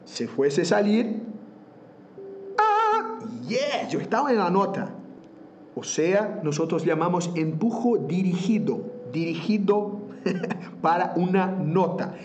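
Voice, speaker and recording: A man's voice: sits high, a little slow, a little mellow, muffled recording, slight background noise. A man with a Brazilian Portuguese accent, a native Portuguese speaker and vocal coach, explaining singing exercises in an interview, slipping in Portuguese words and stopping to demonstrate. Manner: slips in Portuguese words, searches for words.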